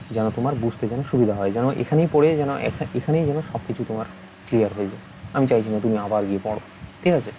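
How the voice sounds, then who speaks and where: A young man teaching an online maths lesson, patient and steady, checking in with the listener again and again. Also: mid-range voice, slight background noise, low-quality recording. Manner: patient, asks many check-in questions.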